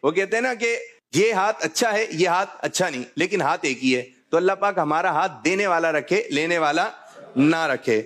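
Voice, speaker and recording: A man's voice: on the high side, lively intonation, fairly bright tone. A man hosting a religious talk show, jovial, often repeating his key phrases. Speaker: host.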